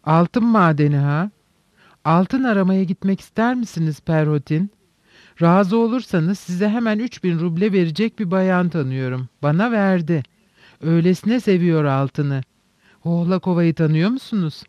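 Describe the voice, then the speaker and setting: A man voicing a reckless, excitable young man who talks brashly in an audiobook reading. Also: sits high, moderate pace, dry recording. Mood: excited. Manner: impulsive, brash. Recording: dull dry recording.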